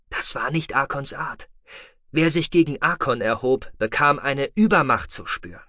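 A man reading a science-fiction novel aloud in a measured, calm storytelling way, recorded on a close studio mic. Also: mid-range voice, no echo. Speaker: audiobook narrator. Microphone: close, dry studio mic.

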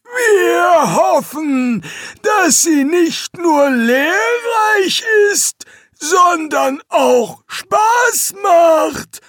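A wailing, weary hell demon. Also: male voice, very high voice, lively intonation, a bit bright, no echo, shouting, clean studio sound, voice pushed up, full character voice. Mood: anguished wailing. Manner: slow, drawn-out wailing bellow. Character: weary many-headed male demon, gatekeeper of hell.

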